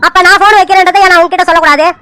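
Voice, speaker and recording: A woman voicing a teasing man who chats on the phone in an animated serial, full of mock fear and pleading. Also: extremely high pitch, very fast. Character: man called Surya sir on the phone, teasing. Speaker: cartoon character.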